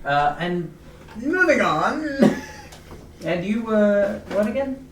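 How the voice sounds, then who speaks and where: A man's voice: high-pitched, wildly swooping pitch, very slow, a little mellow, slight background noise. A man running a tabletop game as dungeon master, narrating and chatting casually with easy laughter, recorded far from the mic in an echoey room. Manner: laughs easily, restarts, casual.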